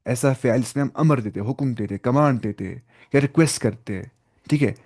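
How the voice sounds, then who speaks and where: Patient man teaching Arabic slowly. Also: mid-range voice, a little mellow. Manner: slow, repeats each word and explains it patiently. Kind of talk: online language lesson.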